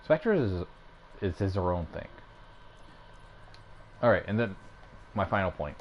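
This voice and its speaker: A young man with a fairly low voice rants about a game, rambling and getting fired up, tripping over his words as he goes. He talks into a gaming headset at home, with a faint hiss behind him. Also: big pitch swings, takes it slowly, lo-fi sound. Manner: rambling, fired up, frequent fillers and restarts. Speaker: gaming YouTuber. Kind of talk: casual ranting commentary.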